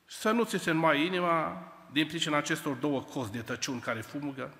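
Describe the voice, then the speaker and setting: A calm, commanding divine voice, as a preacher acts it out in his sermon. It sounds bright and reassuring, with long reverb. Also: fairly high pitch. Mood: solemn.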